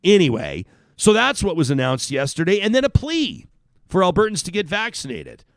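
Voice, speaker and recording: A man's voice: sits high, normal speed, no echo, studio quality. A man with a Canadian accent hosting a talk radio show, delivering an opinionated, sarcastic monologue. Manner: animated, sarcastic, swears casually. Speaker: radio host.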